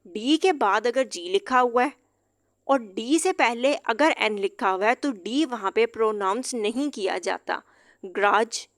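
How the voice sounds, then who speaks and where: A woman's voice: fairly high pitch, no echo, clean studio sound. Woman patiently teaching word by word. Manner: patient, repeats each example word slowly. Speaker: English teacher. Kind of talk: explanatory lesson.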